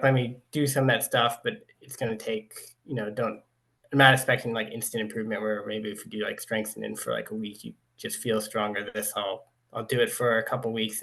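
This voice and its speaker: A man's voice: on the low side, vocal fry, low-quality recording. A man at home answering interview questions in a hesitant, casual way with many fillers. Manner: hesitant, many "um" and "like", trails off softly. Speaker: former client and interview guest. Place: at home with a cat.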